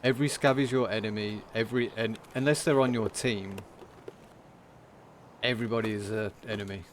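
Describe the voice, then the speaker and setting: A man streaming a game, talking through it in a casual, monotone commentary. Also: on the low side, fairly quick, slight background noise.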